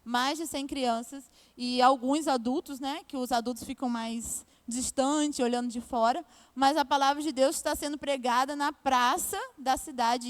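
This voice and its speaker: A woman from Brazil with a Brazilian Portuguese accent, giving a church testimony as a missionary, earnest, with many tag fillers. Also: high voice.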